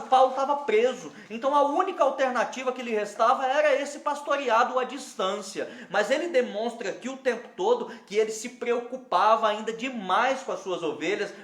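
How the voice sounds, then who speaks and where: A pastor with a Brazilian Portuguese accent, preaching a sermon in an earnest teaching tone that swells into emphatic preaching. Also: male voice, high voice, roomy sound. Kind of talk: sermon with Bible reading and prayer.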